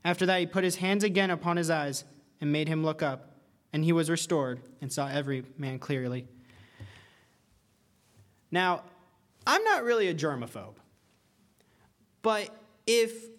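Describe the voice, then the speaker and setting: A young man preaching a sermon in an earnest, conversational way, rising to loud pleading cries. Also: high voice.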